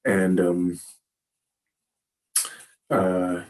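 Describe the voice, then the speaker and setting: Zen teacher, male, lowish voice; gentle, halting dharma-talk delivery with many pauses. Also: completely flat delivery. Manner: gentle, halting, searching for words. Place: meditation hall.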